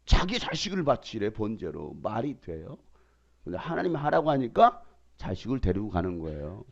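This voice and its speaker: A man preaching a sermon as pastor, emphatic, swinging between loud bursts and quiet asides, acting out quoted voices. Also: fairly low pitch, big pitch swings, moderate pace, vocal fry, dull audio. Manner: acts out quoted dialogue in changed voices.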